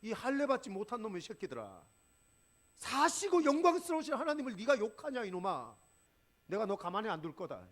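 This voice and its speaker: A man voicing an indignant young shepherd, shouting a defiant challenge. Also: high voice, wildly swooping pitch, a little fast, voice pushed up, exaggerated voice.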